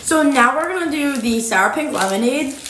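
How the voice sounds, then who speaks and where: A woman with a fairly high voice hosts a casual taste-test vlog. She talks chattily and chews noisily between phrases. The room is echoey, with some background noise. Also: expressive, normal speed. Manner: chewing noisily while talking. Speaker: host of a candy taste-test video. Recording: roomy echo, clear background noise, clicks.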